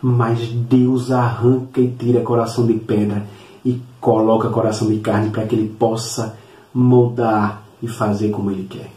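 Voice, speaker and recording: A man teaching a Sunday school Bible lesson, earnest and repetitive, with halting fillers as he works through his points. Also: on the low side, flat delivery, dark tone. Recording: echoey room, mic at a distance.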